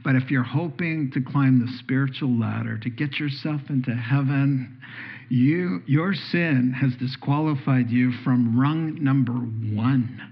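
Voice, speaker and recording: A man preaching a sermon with animated delivery, jumping up in pitch for quoted speech and chuckling now and then. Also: a little slow, husky, muffled recording. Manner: animated, jumps into high voices for quoted speech, chuckles often. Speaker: pastor.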